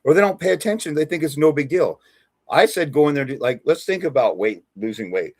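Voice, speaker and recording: A man's voice: fairly high pitch, expressive, brisk, husky, no room sound. A middle-aged man hosting a live stream on fathers' rights, talking bluntly and casually, often acting out courtroom exchanges.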